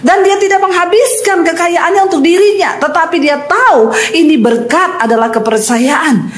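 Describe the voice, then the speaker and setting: A woman pastor preaching a lively sermon to a congregation, acting out the people in her stories and putting questions to the listeners. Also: extremely high pitch, normal speed, echoey room. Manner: animated preaching, acting out quoted voices, asks the congregation questions. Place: church with congregation.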